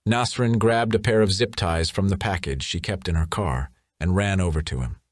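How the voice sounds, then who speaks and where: A man reading a thriller audiobook in a measured, even scripted narration. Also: deep voice, dry recording, clean studio sound.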